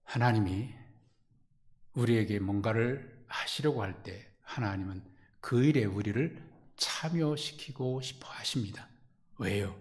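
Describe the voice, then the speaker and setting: A man preaching a sermon as a pastor, addressing the congregation and acting out quoted voices, swinging from loud pleading questions to hushed near-whispers. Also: on the low side, a little slow.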